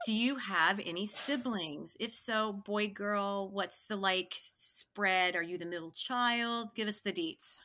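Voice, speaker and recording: A woman's voice: mid-range voice, takes it slowly, few pauses, sharp tone. A woman taking over as interviewer, playful and joking in casual chat. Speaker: guest interviewer.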